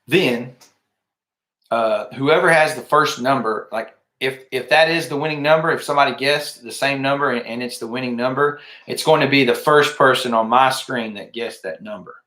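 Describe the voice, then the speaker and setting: A man announces a live giveaway in a bright, forward voice. He speaks informally, straight to his viewers, and repeats key phrases. The room around him is noticeably echoey. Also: medium pitch, normal speed. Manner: informal, addresses viewers directly, repeats himself. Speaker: livestream host.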